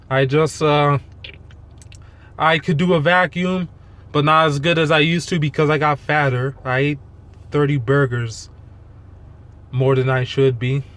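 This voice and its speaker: A fitness vlogger of medium pitch delivers a rambling, unscripted rant in a monotone. He speaks haltingly with loosely strung thoughts, and he's blunt and self-deprecating, swearing casually.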